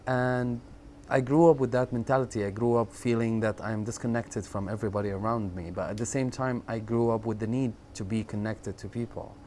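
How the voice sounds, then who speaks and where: A man in his thirties from Syria, telling his life story in an interview, reflective and halting, often repeating words and pausing on fillers. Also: lowish voice, fairly even intonation, a little mellow. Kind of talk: personal storytelling in conversation. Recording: faint background noise.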